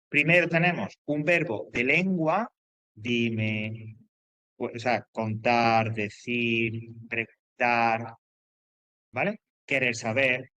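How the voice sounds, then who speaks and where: A man's voice: mid-range voice, fairly bright tone, dry recording. A man teaching a grammar lesson, explaining with repetition and frequent check-ins with his students. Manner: loose, hesitant phrasing with fillers and restarts.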